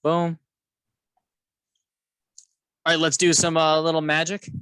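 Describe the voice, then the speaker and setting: A man's voice: on the high side, completely flat delivery, slow, pushed and bright, smooth, no echo. A man teaching math alongside a colleague, playful and jokey, guiding with questions. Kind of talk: co-teaching a lesson, casual banter.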